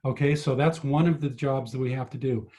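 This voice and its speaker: A man's voice: mid-range voice, steady tone, a little fast, warm tone. A man tutoring physics over a video call, patiently explaining each step and asking his students questions. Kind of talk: online tutoring lesson.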